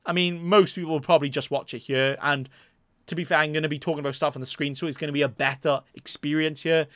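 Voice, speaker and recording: Hosting his own podcast, this young man talks quickly in a fairly high, steady, fairly bright voice, rambling and mocking himself with plenty of restarts. The audio is studio quality with no room sound, taken from a desk mic before a green screen.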